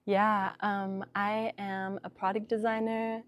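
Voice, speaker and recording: A young Danish woman, a guest designer, speaks casually in an outdoor interview set in a small vineyard on a summer evening. Her medium-pitched voice stays level and unhurried, reflective and peppered with ums, likes and light laughter. A noise-cancelling mic captures her.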